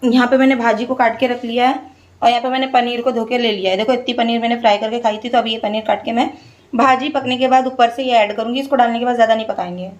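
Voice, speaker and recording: Cooking in her home kitchen, a young mother of two who runs a family vlog talks casually to viewers, explaining things and venting along the way. She speaks quickly in a fairly high, steady voice, picked up by a distant mic amid echo and light background noise.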